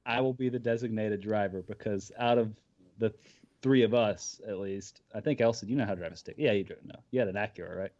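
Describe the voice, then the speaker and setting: A man's voice: on the low side, a little fast, darkish tone, no room sound, dull audio. Easygoing man joking around. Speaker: podcast guest. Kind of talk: casual chat.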